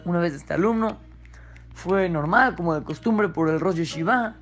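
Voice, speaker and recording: A man telling a story to children and speaking directly to them in an unhurried way. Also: high voice, a bit bright, faint music behind.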